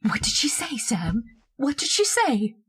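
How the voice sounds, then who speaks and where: An actress playing a fearful, domineering, nagging wife in a radio horror drama, agitated and demanding. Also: female voice, high-pitched, sing-song, a little slow, fairly bright tone, breathy edge, faint music behind, heavily acted. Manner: demanding, agitated, repeating questions. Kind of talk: old-time radio horror drama acting.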